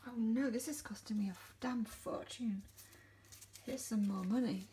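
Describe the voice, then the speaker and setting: A man putting on a high, pleading voice as a fretful customer at a fortune machine. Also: moderate pace, warm tone, slight background noise, close to an everyday voice. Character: anxious customer with a high, put-on voice.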